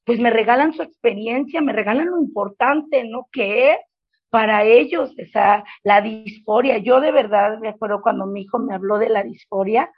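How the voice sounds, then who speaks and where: Mom telling her story, heartfelt, lots of fillers, a bit raspy, muffled lo-fi sound. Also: fairly high pitch, normal speed. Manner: earnest and emotional, talks in loops with many fillers. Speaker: mother sharing her testimony. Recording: dull lo-fi sound.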